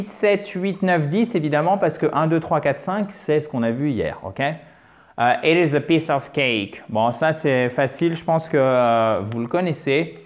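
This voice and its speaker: A middle-aged man teaching English in French in a whiteboard video lesson, lively and slowly repeating each phrase. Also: a little high.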